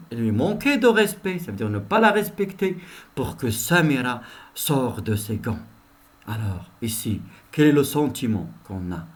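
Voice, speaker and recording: Male teacher, recorded lesson, very slow, wildly swinging pitch, repeats and explains, talks to pupils directly. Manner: addresses pupils directly and answers for them.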